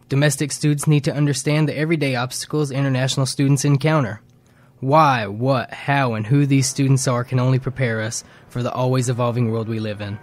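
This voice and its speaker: A man reads a scripted news-feature narration in a measured, formal way. His voice is an everyday mid-pitched male voice, delivered steadily and clearly. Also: a little mellow. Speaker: narrator and interviewer.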